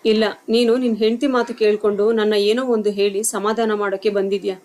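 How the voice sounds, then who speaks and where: Woman voicing a mean mother-in-law, mocking and scolding, middle-pitch, story narration. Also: level tone, fairly quick, a little mellow, close to an everyday voice. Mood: sulky. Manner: taunting, scolding. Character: scornful harsh middle-aged mother-in-law.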